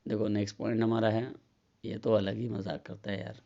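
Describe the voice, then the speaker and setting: Flat-voiced man teaching chemistry casually. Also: on the low side, a little fast, vocal fry, highs cut off. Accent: Hindi. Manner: chatty, asks and answers his own questions. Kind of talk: casual tutorial lecture. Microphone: phone.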